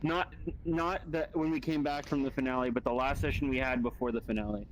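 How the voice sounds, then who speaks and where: A man's voice: mid-range voice, steady tone, a little fast, slight background noise, rough recording. A man, a roleplay player, chatting casually, thinking aloud with hesitations and offhand swearing. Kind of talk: casual chat.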